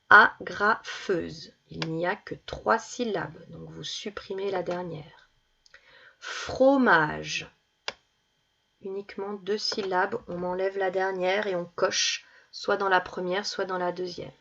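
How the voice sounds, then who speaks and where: A woman teaching young children, reading words slowly and clearly and stressing each one as she goes through worksheet exercises. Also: on the low side, fairly even intonation, bright, forceful tone, muffled recording. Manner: slow, deliberate, stresses each word. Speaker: primary school teacher.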